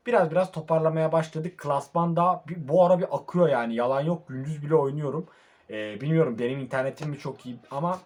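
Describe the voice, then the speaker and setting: Sleepy man commentating his match. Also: a little high. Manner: casual, swings between calm murmuring and frustrated outbursts. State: sleepy, late at night. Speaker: mobile football gamer. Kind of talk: live match commentary while playing.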